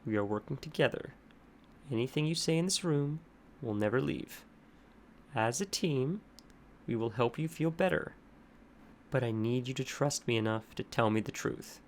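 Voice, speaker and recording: A man puts on a gentle male therapist, patient and reassuring in a storybook horror reading. The voice carries a gravelly rasp, with faint hiss behind it. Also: medium pitch, expressive, normal speed, lightly acted. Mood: soothing. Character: calm adult male therapist, patient then stern.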